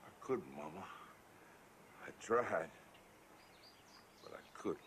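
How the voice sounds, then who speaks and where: An actor playing a heartbroken, guilt-ridden grown son, subdued, in a film drama. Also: male voice, extremely low pitch, animated, unhurried, heavily acted. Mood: heartbroken, regretful. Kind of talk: naturalistic film drama acting. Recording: noisy film sound with outdoor ambience.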